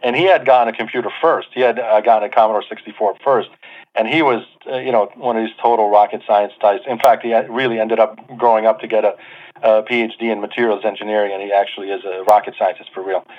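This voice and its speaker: A man's voice: lowish voice, fairly even intonation, fast. A man in his forties, born in Lebanon, telling his life story as an interview guest in a chatty, self-deprecating way with many fillers. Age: 40s. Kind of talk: casual interview talk. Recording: tinny phone-like line.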